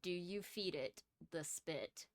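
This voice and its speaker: A woman running a tabletop role-playing game as game master, narrating and answering players in an animated, conversational way. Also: lowish voice, slow pace, no room sound, clean studio sound.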